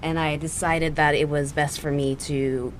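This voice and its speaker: A teenage young man with a boyish, cracking voice, talking candidly and haltingly about himself as a talk show guest. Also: fairly high pitch, level tone, a little hiss or hum. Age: teens. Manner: halting, informal, self-deprecating.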